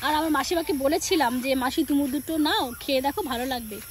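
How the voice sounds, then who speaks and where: A woman's voice: high voice, a little fast, slight background noise. A woman, a sore throat and a cough, chatting casually to her viewers as she walks home outdoors in a village. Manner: chatty, speaks straight to viewers and acts out family dialogue. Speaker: village lifestyle vlogger. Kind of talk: casual chat to viewers while walking.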